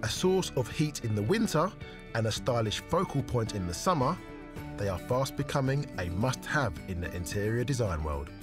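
A British man presents renovation tips with a lively, rising and falling voice. Music plays clearly underneath him. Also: medium pitch, moderate pace. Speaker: property show co-host.

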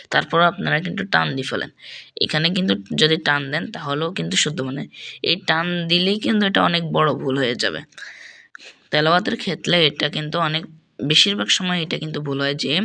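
Speaking to "respected viewers," a man walks through how to correct common recitation mistakes in a pronunciation tutorial, going over each point several times. His voice is a little high, with vocal fry and a pushed, bright quality.

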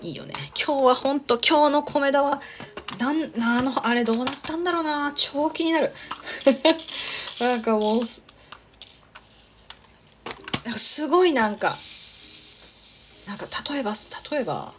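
A woman's voice: sits high, measured pace, long pauses, noisy background. A woman chatting casually on a livestream while she crafts, rambling from thought to thought, laughing often and reading out viewer comments.

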